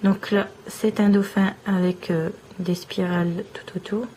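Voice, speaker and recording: A woman vlogger showing off small trinkets one by one in a slow, admiring show-and-tell. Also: medium pitch, flat delivery, background noise.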